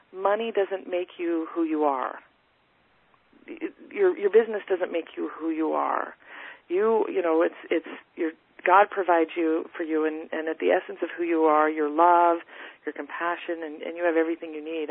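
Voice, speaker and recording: A woman's voice: low voice, steady tone, no echo. Earnest woman on a tinny phone line. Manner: earnest, halting, many restarts and fillers. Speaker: podcast guest. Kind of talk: casual storytelling.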